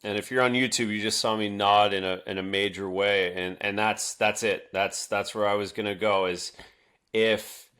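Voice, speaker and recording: Man, very low voice, measured sports-podcast analyst who repeats words. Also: steady tone, bright, forceful tone, smooth. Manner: measured, repeats words while building a point. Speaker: podcast co-host. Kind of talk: casual sports talk.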